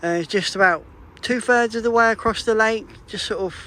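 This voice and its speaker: A man's voice: high-pitched, fairly quick, sharp tone, slight background noise. A man vlogging outdoors beside a fishing lake, chatting casually and breaking off mid-sentence. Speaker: vlogger, angler. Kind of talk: casual vlog chat.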